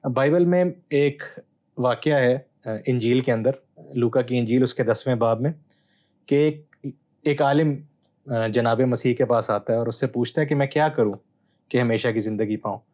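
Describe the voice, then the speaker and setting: A man, a Bible scholar guest, explaining texts in a measured, teacherly way with hesitant pauses. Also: mid-range voice, darkish tone, lo-fi sound. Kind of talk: explanatory interview answer.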